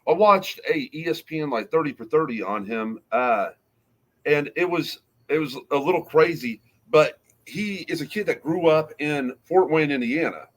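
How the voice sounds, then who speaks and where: A man's voice: a little high, lively intonation, moderate pace, rough recording. A man hosting a casual sports podcast, rambling through picks and a story while laughing often. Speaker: podcast host.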